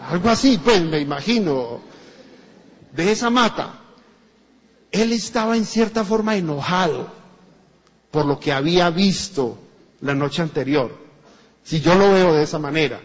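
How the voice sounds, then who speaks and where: A man preaching a sermon in a church with a Colombian Spanish accent, animated and acting out the voices of people in his stories. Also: a little high, measured pace, long pauses. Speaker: pastor. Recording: dull echoey church recording.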